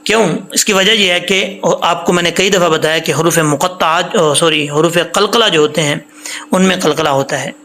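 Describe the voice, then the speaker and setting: A man teaching how to recite the Quran, patiently explaining rules and slowly chanting the verses. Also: on the high side, sharp tone, slight background noise. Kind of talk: Quran reading lesson with recitation.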